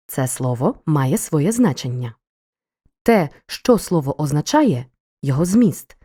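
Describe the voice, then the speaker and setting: A woman narrating a scripted school lesson for children, explaining each point in a clear, measured way. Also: low-pitched, mellow. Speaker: teacher.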